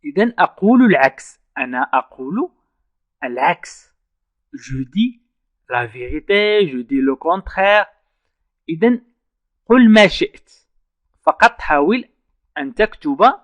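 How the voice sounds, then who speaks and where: Man slowly teaching French verbs. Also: on the high side, no room sound. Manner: slow, repeats French phrases word by word. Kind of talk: online language lesson.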